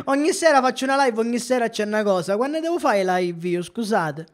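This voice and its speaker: This gaming streamer from Catania has a very high-pitched, animated voice at normal speed. Speaking with a Sicilian accent, he plays a police game live while playfully joking and addressing his chat.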